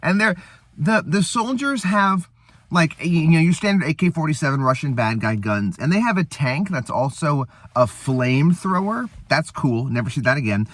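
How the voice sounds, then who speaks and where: A man's voice: a little high, lively intonation, normal speed, fairly bright tone, dry recording. A man hosting a casual eating show, rambling and laughing as he retells a movie between bites. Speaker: host. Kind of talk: casual chat.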